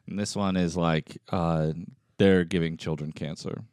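A man's voice: low-pitched, steady tone, measured pace, darkish tone, clear, resonant tone, no echo, clean studio sound. A man co-hosting a casual comedic chat, reacting informally and freely swearing. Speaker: podcast co-host reacting and commenting.

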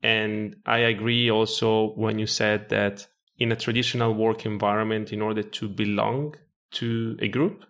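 Young guy from italy, lowish gravelly voice, laid-back podcast chat. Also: moderate pace. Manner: relaxed, chatty, with fillers. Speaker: podcast host. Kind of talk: casual conversation.

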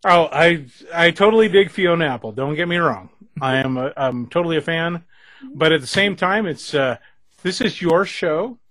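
Easygoing man with a bright, dry voice. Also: on the high side, animated, no echo. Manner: easygoing, laughs often, halting explanations. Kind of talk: casual chat.

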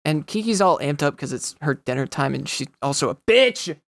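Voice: medium pitch, expressive, brisk, no room sound. A young adult podcast co-host chatting casually, rambling and swearing often. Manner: rambling, swears a lot, breaks into loud goofy impressions. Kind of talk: casual chat.

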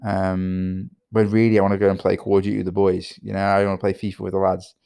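A tired British man with a low, gravelly voice, hosting a solo podcast. He rambles, stacking fillers and repeating his words. The sound is close and dry, with no room around it. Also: level tone, fast talker, dark tone, dry recording. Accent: British English. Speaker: podcast host and entrepreneur.

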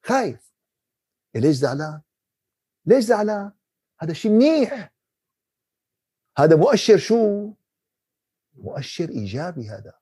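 A man with a Levantine Arabic accent, a sheikh giving an animated Quran commentary sermon, who keeps asking his listeners questions and recites verses slowly. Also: sits high, breathy edge. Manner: animated, rhetorical questions to the audience.

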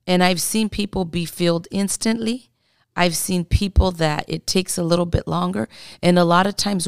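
Woman guest minister: low gravelly voice, earnest, deliberate testimony, dry close sound. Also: dry recording. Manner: earnest, slow and deliberate, acts out prayers. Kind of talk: testimony in a podcast interview.

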